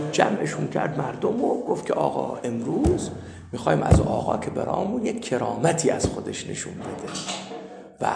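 Brief: male cleric with a raised, lively voice, telling funny stories in a roomy hall. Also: on the high side, vocal fry, background noise. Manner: lively, animated storytelling. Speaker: cleric and seminary teacher. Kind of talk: humorous anecdote in a talk. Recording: echoey room.

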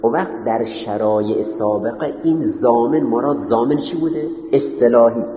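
A man teaching a class in a lecture style, dictating notes and putting questions to his students, then answering them himself. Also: mid-range voice. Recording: roomy, echoing hall on dull lo-fi audio.

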